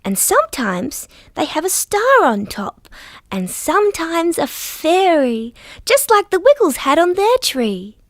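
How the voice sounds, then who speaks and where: Kids' show dinosaur: Australian accent, gentle storyteller, very lively intonation, slow careful diction, close dry sound. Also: female voice, very high voice, no room sound, exaggerated voice. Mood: gentle, cheerful. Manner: sweet, patient, carefully enunciated. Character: friendly, gentle female dinosaur teaching young children. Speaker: children's show character. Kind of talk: scripted storytelling for small children.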